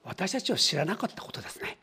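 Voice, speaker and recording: Preaching quickly in a high, sing-song voice that is gravelly, bright, forceful, and a bit breathy, this pastor teaches through questions. He puts questions to the congregation and plays out small everyday scenes in various voices.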